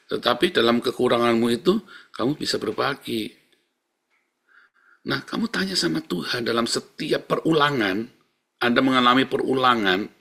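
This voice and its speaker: A middle-aged man preaches a sermon in a gravelly, bright voice with a husky edge. He talks emphatically and keeps calling out to his congregation. His delivery swings from soft murmurs to loud exclaiming. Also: mid-range voice. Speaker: pastor.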